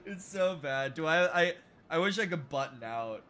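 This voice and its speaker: Excitable man narrating his theme park build. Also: a little high, moderate pace, a little hiss or hum. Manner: excitable, jokey, swears freely. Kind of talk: casual gameplay commentary.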